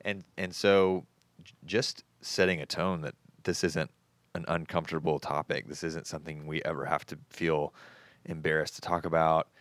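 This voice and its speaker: A man's voice: a bass voice, flat delivery, normal speed, a bit bright, no room sound. A man hosting a podcast, talking in an earnest, reflective way with frequent restarts. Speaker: podcast host. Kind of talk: casual podcast conversation.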